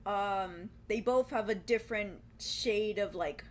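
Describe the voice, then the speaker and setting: A woman's voice: medium pitch, slow pace. A woman hosting an interview, chatting casually, laughing easily and retelling exchanges. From United States. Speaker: interview host.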